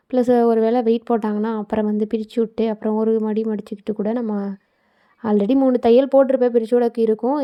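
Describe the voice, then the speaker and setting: A woman narrates her own sewing tutorial in a casual, explanatory voice-over, breaking off for chatty asides. Her voice sits a little high. The recording is dull and lo-fi, as if made on a phone. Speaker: tailoring channel host.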